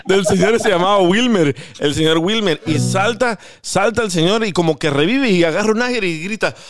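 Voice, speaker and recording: A man's voice: high voice, normal speed, faint music behind. A man hosting a casual chat, telling funny stories and laughing often. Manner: laughs often, animated storyteller. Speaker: show host.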